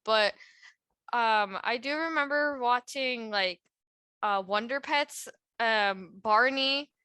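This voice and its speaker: A woman's voice: fairly high pitch, takes it slowly, bright, forceful tone, smooth, no echo. A young woman with an American accent, chatting casually as a co-host in a playful, teasing, emphatic way. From India, moved to America very young. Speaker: podcast co-host. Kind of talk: casual group chat.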